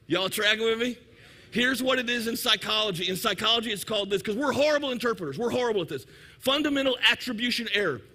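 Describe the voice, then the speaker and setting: A male pastor preaching a sermon, animated and playful, acting out little everyday scenes. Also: extremely high pitch, quick pace, a little hiss or hum.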